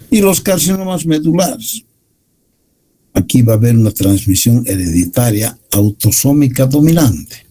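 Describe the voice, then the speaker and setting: A man giving a university medical lecture, explaining slides in a measured way. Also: medium pitch, mellow, breathy edge, poor audio.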